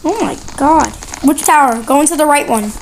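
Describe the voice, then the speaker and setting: Excitable high-voiced woman gaming. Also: moderate pace, rough recording. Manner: excitable, yelps when surprised. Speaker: gaming channel host. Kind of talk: casual gameplay chat. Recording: loud background noise.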